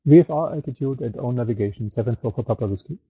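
Quick, husky pilot over the radio. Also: male voice, medium pitch. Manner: clipped, businesslike readbacks. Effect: pilot talking over an aircraft radio. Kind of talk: radio calls to air traffic control. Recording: muffled radio sound.

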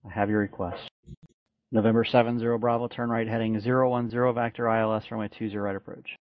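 A man's voice: fairly low pitch, little pitch movement, fast, dry recording. A man working as an air traffic controller, speaking in procedural radio style on dull, lo-fi audio.

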